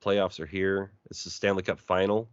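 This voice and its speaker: A man's voice: low-pitched, moderate pace. A man co-hosting a podcast in casual chat, telling stories animatedly and acting out the people he quotes. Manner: animated storyteller who acts out quoted voices. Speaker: podcast co-host. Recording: dry, slightly muffled sound.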